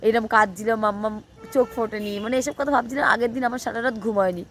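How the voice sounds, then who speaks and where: Hoarse young woman, rapid chatty vlog delivery, highish voice. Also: soft background music. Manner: chatty, rambling, addresses viewers directly. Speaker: vlogger. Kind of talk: casual vlog narration to camera.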